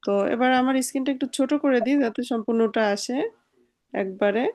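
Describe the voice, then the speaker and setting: A woman's voice: fairly high pitch, steady tone, a little fast, a little mellow. A woman teaching German vocabulary in an online class, patiently repeating pronunciations over a video call.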